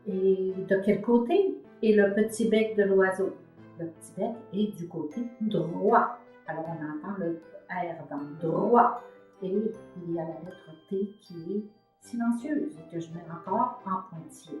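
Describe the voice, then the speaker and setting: A woman's voice: mid-range voice, a little slow, darkish tone, echoey room, soft background music. A woman, the author of a reading method, patiently explaining how she teaches a sound to children, with frequent fillers.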